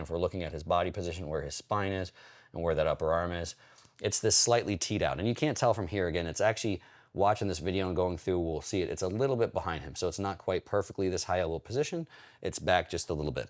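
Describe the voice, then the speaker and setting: A man working as a hypertrophy coach, casually breaking down a training video in a chatty, explanatory way. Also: low voice. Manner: chatty, explanatory, talks while pausing and scrubbing video.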